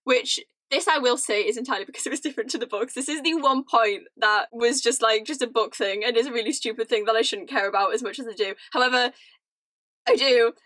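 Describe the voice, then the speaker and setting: A young British woman ranting casually to camera, animated and laughing often, with lots of "like". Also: fairly high pitch, fast, dry recording. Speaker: vlogger. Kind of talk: casual chatty rant to camera.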